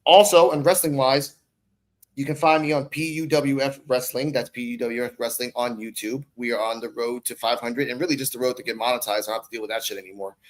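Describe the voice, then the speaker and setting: He talks fast with a mid-range, fairly even voice, though the recording quality is low. A Bronx, New York native who creates online content and podcasts, he appears as a guest on a casual conversational podcast, rambling, slangy, and mixing in swear words.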